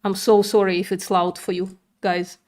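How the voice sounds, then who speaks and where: A woman's voice: mid-range voice, little pitch movement, moderate pace, a little mellow. A woman streamer chatting casually in a reaction stream, full of uh and like, with her mic clipping and distorting. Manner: chatty, many fillers like uh and like. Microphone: desk mic close to her mouth.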